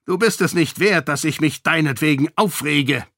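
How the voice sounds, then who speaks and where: A man voicing an irritable, blustering older king who shouts in exasperation. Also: a little high, moderate pace, creaky, no echo, studio quality, voice pushed up, heavily acted. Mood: exasperated.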